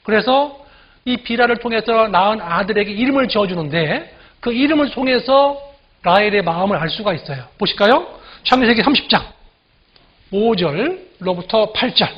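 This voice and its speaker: A man with a high, husky voice delivers a sermon in a chatty, questioning style. He keeps turning to the congregation for agreement and slows right down to read scripture aloud. The recording sounds dull and lo-fi. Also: animated. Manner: conversational preaching, frequent "그죠?" asides to the congregation; slow deliberate scripture reading. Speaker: pastor.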